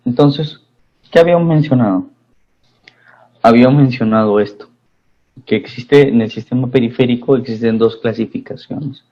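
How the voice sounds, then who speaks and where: A man's voice: mid-range voice, highs cut off. A man with a Peruvian Spanish accent teaching a pharmacy class, repeating his phrases and checking in with students. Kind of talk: online class lecture.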